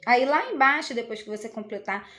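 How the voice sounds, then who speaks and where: A high-voiced woman with a Brazilian Portuguese accent gives a lesson to young children. She explains patiently and slowly, stopping often to check that they follow. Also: animated, a bit bright. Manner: patient, explains slowly with many tag questions. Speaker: teacher.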